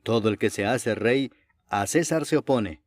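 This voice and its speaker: A man's voice: mid-range voice, normal speed, dry recording, clean studio sound, close to an everyday voice. A man voicing an angry crowd of male priests in a Bible reading, raising his voice insistently.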